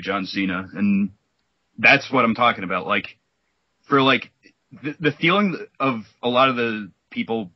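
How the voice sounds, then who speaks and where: A man with a lowish, husky voice talks through a wrestling recap in loose, rambling casual chat, full of fillers and restarts. The sound is dry and a little muffled, like a cheap home podcast mic. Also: no room sound. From New York. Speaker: podcast co-host.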